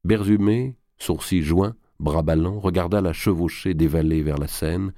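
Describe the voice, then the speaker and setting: A man reads a historical novel aloud in measured, dramatic narration. His voice sits very low, and the recording is dry, with no room sound. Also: dark tone, no room sound. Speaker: audiobook reader.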